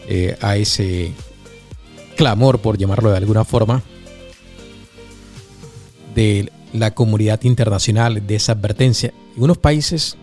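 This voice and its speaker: A man hosting a morning radio show, presenting and commenting with emphatic, deliberate phrasing. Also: mid-range voice, a little mellow. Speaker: radio host. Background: Latin music bed.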